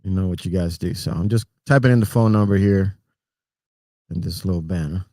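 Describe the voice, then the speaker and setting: Speaking briskly in a low, mellow voice, a middle-aged Puerto Rican trucker rambles through a relaxed livestream, greeting chat members by name and chuckling often. The audio is close with no echo, though his voice sometimes fades as he leaves the mic.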